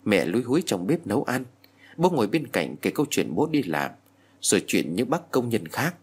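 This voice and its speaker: A man narrating a horror story in a lively, expressive storytelling manner. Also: fairly low pitch, moderate pace, breathy edge.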